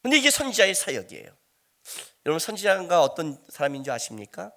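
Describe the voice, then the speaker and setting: A man's voice: sits high, very animated, quick pace, bright, forceful tone. A middle-aged man preaching a sermon as pastor, talking conversationally and firing rhetorical questions at the congregation.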